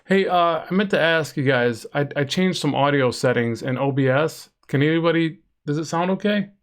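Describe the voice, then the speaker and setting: A comic artist streams a drawing session, chatting casually with viewers, rambling, and reading chat aloud. His nasal voice is fairly high-pitched and moves at a moderate pace.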